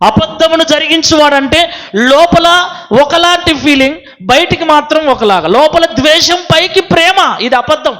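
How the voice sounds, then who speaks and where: A male pastor preaching a sermon with a Telugu accent, firing sharp rhetorical questions at his listeners. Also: very high-pitched.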